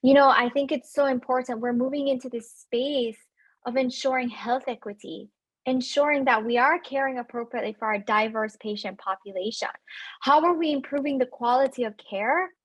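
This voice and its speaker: A woman in her thirties with an accent, giving animated coaching advice in a webinar and addressing listeners directly. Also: sits high, moderate pace, slightly rough, dry recording. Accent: non-native English accent. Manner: animated, laughs often, speaks directly to listeners. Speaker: webinar speaker on residency interviews.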